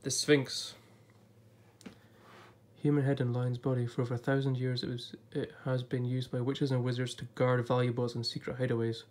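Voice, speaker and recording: A man with a mid-range voice talks at a moderate pace in a flat way, sounding a little off because he's recovering from an illness. He's a YouTuber reviewing an illustrated book in a casual vlog, flipping through it at a table indoors in front of a blue backdrop while chatting and thinking aloud.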